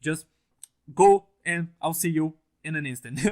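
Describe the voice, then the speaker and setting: A young anime reaction channel host, a native Portuguese speaker, chats excitedly to camera about an anime, swearing and laughing often. His voice runs on the high side and a little slow, picked up by a stand mic placed somewhat farther away than usual.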